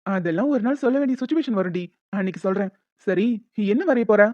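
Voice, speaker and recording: Fast teasing young man, voiced by a woman. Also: medium pitch, expressive, darkish tone, no room sound, close to an everyday voice. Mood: playful. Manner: teasing, playful. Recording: dull lo-fi, dry.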